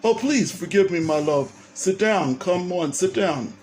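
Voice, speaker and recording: A man reading aloud and voicing an eager, devoted young man in love, speaking with excitement. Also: sits high, unhurried, faint music behind. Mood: giddy. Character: young man, joyful, devoted and bubbly lover.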